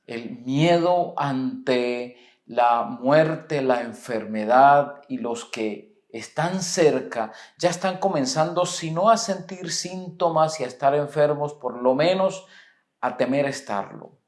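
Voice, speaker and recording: Hombre, acento colombiano, sermón medido con preguntas retóricas, iglesia con eco. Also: male voice, mid-range voice. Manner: measured preaching with rhetorical questions, reads scripture aloud. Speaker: pastor. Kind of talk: sermon. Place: church. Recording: echoey church hall.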